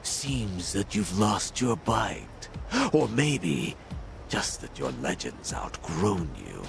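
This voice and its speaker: A man playing a menacing, thrill-hungry middle-aged yakuza villain in a video game, with a gravelly, taunting drawl. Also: low voice, sing-song, slow pace, over music, heavily acted. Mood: disappointed, taunting. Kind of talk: dramatic video game acting.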